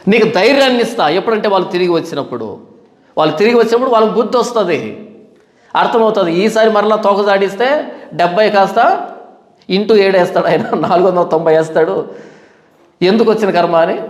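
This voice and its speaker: A male pastor preaching a sermon in colloquial style, asking questions and answering them himself. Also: sits high. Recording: echoey hall reverb.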